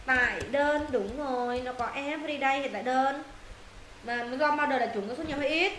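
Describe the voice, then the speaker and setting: A woman teaching an English lesson to her students, walking them through answers and firing quick questions to check they follow. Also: sits high, a bit bright. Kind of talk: classroom lesson explaining answers. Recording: roomy echo, faint noise.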